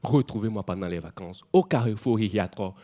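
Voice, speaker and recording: A man's voice: lowish voice, expressive, a little fast, dark tone. A man contestant closing a declaimed speech by inviting listeners to visit as their guide. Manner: promotional, inviting.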